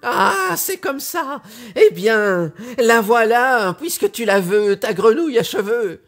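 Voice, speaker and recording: A man's voice: sits high, huge pitch swings, slow, faint music behind, pitched above the performer's own voice, heavily acted. A man voicing a spiteful, wicked old female witch in a storybook reading, screeching and raging. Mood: furious.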